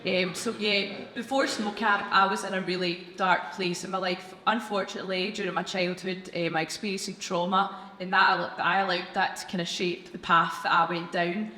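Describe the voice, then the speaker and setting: Young woman with a broad Glaswegian accent, bright voice. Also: lowish voice, steady tone, moderate pace. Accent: strong Glaswegian. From Scotland. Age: young adult. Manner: broad Scottish accent, earnest. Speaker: youth programme graduate speaking on stage. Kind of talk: personal testimony at a live event. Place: large event hall, on stage. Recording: echoey hall, noisy, live PA sound.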